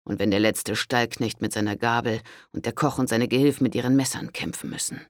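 A man voicing an angry, loyal castle steward who speaks forcefully and indignantly in an audiobook. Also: medium pitch, fairly even intonation, brisk, no room sound, clean studio sound, close to an everyday voice. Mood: defiant.

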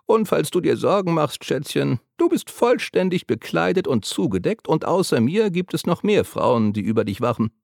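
A shrill, teasing little old woman, as a male narrator puts her on, her voice pushed up high and cackling, with a gravelly edge underneath. It is recorded close and dry. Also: very animated, moderate pace, few pauses, darkish tone, dry recording.

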